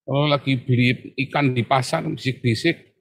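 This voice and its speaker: A man gives a casual sermon in a playful, chatty way. He slips into quoted voices and keeps the tone loose. His pitch sits in a middle range for a man. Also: normal speed. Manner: lively and joking, acts out quotes and laughs. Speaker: pastor. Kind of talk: informal sermon.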